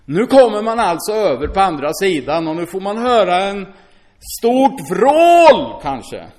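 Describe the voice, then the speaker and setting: A man preaching a sermon, reading scripture aloud and commenting on it in a chatty way, often asking his listeners "va?". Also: high voice. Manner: lively, swings from loud exclamations to hushed asides.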